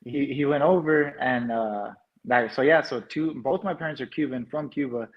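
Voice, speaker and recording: A man's voice: mid-range voice, normal speed, highs cut off. A man from New Mexico with an American accent, chatting casually as an interview guest in laid-back, slangy phrasing. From New Mexico, United States.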